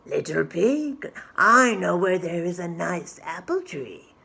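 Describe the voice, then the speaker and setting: A woman's voice: on the low side, sing-song, slow pace, vocal fry, sharp tone, husky, full character voice. A woman voicing a hungry, scheming male wolf villain in a children's storybook, coaxing and theatrical. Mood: sly. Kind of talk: children's storybook read-aloud.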